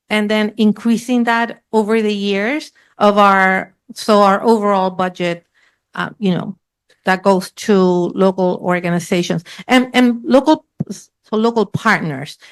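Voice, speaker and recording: A woman's voice: mid-range voice, clean tone. A woman on a panel discussing her foundation's emergency response work, frank and sometimes searching for words.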